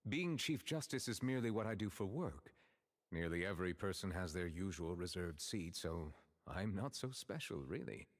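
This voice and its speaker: Un juge grave et très courtois. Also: male voice, low-pitched, lively intonation. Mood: courteous, calm. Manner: formal, courteous, measured. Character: dignified, reserved male chief justice. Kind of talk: video game voice acting. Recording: game audio with faint hiss and long reverb.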